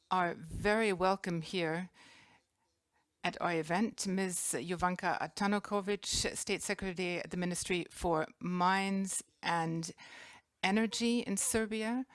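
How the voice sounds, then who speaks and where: Woman, low voice, formal conference welcome, dry close sound. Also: no room sound. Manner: gracious, formal, listing guests with pauses. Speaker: conference host. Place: conference hall.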